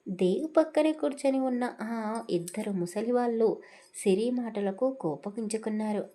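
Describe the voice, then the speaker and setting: Expressive woman narrating a love story. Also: on the high side, normal speed. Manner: expressive, acts out dialogue.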